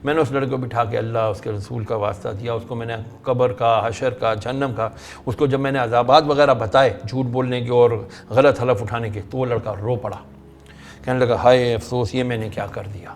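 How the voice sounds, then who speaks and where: A middle-aged man, a religious scholar with a Pakistani Urdu accent, tells a long story and acts out the people in it. His voice is gravelly with a lot of creak, at a medium pitch. Soft music plays behind him. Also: fairly even intonation. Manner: narrates at length, acting out the people in his stories.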